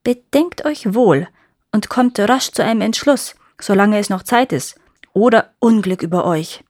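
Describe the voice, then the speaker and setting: A woman's voice: medium pitch, lively intonation, moderate pace, a little mellow, no room sound, studio quality, lightly acted. A woman voicing a hideous, scheming old witch who wheedles and threatens. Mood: threatening.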